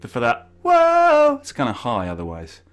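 A man's voice: medium pitch, huge pitch swings, normal speed, a bit bright. A man leading a community choir rehearsal over a video call, chatty and self-deprecating. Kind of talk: casual online choir rehearsal talk. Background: guitar playing.

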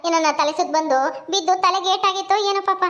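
A woman playing an anxious young daughter-in-law in a village family drama, with a fast, fussing manner. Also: very high voice, steady tone, a bit bright.

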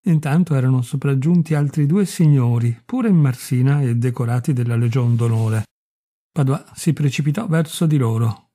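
Husky, dark-voiced male story reader. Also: mid-range voice. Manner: measured, expressive storytelling. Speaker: reader of literature. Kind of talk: storytelling reading.

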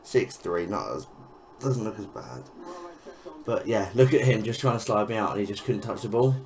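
A man's voice: on the low side, a little mellow. Young man, sweary gaming commentary. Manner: frustrated, swearing, quick exclamations. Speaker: gaming YouTuber. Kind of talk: casual gameplay commentary.

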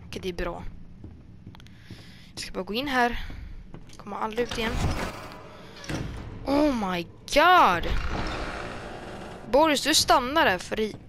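A woman's voice: on the high side, expressive, creaky, pauses often, noisy background. A woman hosting a gaming channel, giving casual let's play commentary while jumpy and easily scared, talking to the game characters as she plays.

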